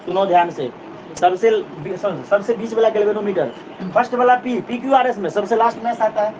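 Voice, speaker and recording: Man, physics teacher, classroom lecture, step-by-step explaining, repeats points, high voice, distant mic, muffled noisy recording. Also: moderate pace.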